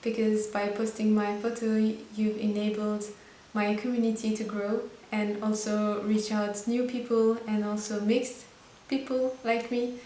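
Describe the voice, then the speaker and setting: A woman's voice: mid-range voice, warm tone. A woman in her twenties, a native French speaker from Belgium, chatting earnestly to camera about her life. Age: 20s. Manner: earnest and chatty, with small restarts. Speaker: vlogger. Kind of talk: casual personal monologue to camera. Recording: echoey room with faint hiss.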